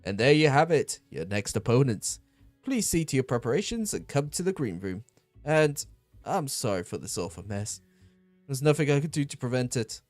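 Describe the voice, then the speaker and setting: A man voicing an excitable male ring announcer, booming and theatrical. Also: moderate pace, no echo, soft background music, natural voice. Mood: formal.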